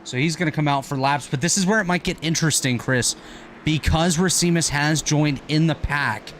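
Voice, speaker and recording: A man calling an online racing broadcast as play-by-play commentator, talking quickly and correcting himself on the fly. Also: fairly high pitch, slight background noise. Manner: rapid, energetic play-by-play with quick self-corrections.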